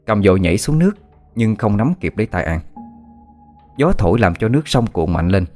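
Man, low voice, scripted ghost story narration, steady and even, soft music bed. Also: a little fast. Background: faint music.

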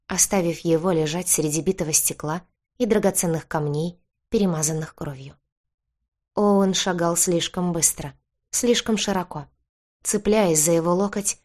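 Woman narrating an audiobook, low-pitched. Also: a little mellow. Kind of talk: first-person fiction narration.

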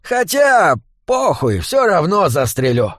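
Brash hitman, yells crude threats in a high tense voice, dry audiobook sound , as a narrator puts him on. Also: sing-song, slow pace, dry recording, full character voice. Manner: rough, yelling, crude. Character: brash male hitman, loud and trigger-happy.

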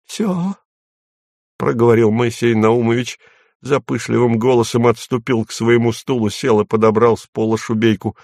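Gravelly male audiobook narrator. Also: medium pitch, flat delivery, darkish tone, no room sound, clean studio sound. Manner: measured literary reading.

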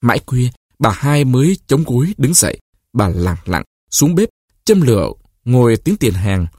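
A man narrating a short story aloud for an audiobook, in an expressive storytelling manner. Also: medium pitch, moderate pace, husky, dry recording, clean studio sound.

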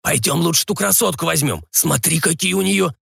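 A man voicing the lecherous ghost of a male pirate who whispers hoarsely and schemes. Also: a little high, lively intonation, fairly quick, a bit bright, dry recording, studio quality, pitched above the performer's own voice, heavily acted. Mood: scheming.

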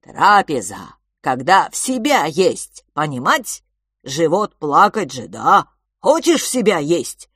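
A woman's voice: low-pitched, very animated, slow, fairly bright tone, husky, no room sound, clean studio sound, full character voice. A woman voicing a cheerful, hungry male cave creature who speaks in broken grammar, eager and sing-song. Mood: coaxing.

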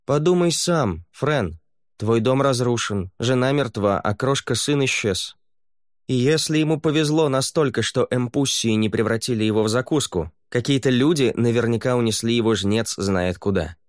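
Мужчина-чтец озвучивает суровую, закалённую воительницу-полукровку, говорящую резко и отрывисто. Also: male voice, medium pitch, moderate pace, dry recording, clean studio sound, pitched above the performer's own voice, natural voice. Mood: stern. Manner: blunt and curt. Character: stern, hardened half-blood woman warrior.

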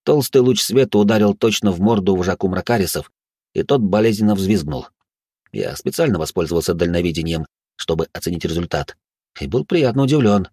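Husky low-voiced man narrating wryly. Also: lively intonation, a little fast, darkish tone, no echo, clean studio sound. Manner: wry, ironic asides. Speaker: audiobook narrator. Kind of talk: first-person fantasy audiobook narration.

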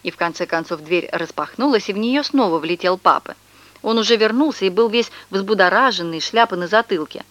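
A woman narrating a children's story aloud in the first person, with lively expression. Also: medium pitch, a little fast. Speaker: audiobook narrator.

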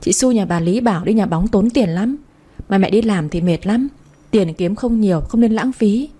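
A woman's voice: medium pitch, normal speed, mellow, husky, lightly acted. A woman voicing a sweet, innocent little boy in a storybook reading, speaking in a childlike, earnest way.

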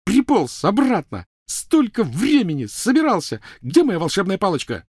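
A man voicing a furious teenage girl witch who shouts, shrieks and mocks with biting sarcasm. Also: high-pitched, huge pitch swings, moderate pace, husky, no room sound, studio quality, voice pushed up, heavily acted.

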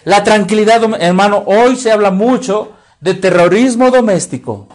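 A man's voice: high voice, animated, darkish tone. A man with a Mexican accent preaching a sermon, quizzing his listeners with repeated questions and stretching out key words for stress. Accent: Mexican Spanish. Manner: emphatic, drawn-out stresses.

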